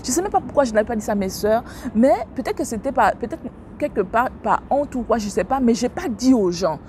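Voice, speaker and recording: Woman telling an animated faith testimony. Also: fairly quick, slight background noise. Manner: animated, acts out dialogue with shifting pitch; religious exclamations, addresses listeners directly. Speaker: believer sharing a testimony. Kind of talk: personal testimony storytelling.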